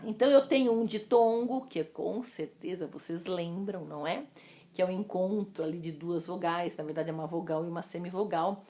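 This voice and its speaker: A Brazilian woman teacher giving a recorded lesson, drawing out each example word slowly and calling her students "amores". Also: medium pitch, a little mellow. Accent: Brazilian Portuguese. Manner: slow, drawn-out pronunciation of example words; affectionate, addresses students as "amores".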